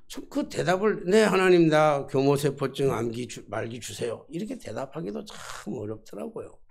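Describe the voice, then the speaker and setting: A man's voice: medium pitch, creaky, dark tone. A man in his sixties, a pastor preaching a sermon and telling a personal story, acting out his conversations with God. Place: church sanctuary.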